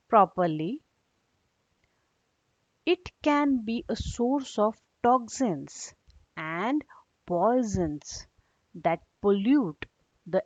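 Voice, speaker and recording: Slow and measured, a woman teacher reads aloud with a young class, her tone darkish. She rephrases terms simply and uses quick questions to make sure the children follow, and the recording sounds dull and low in fidelity, with no echo.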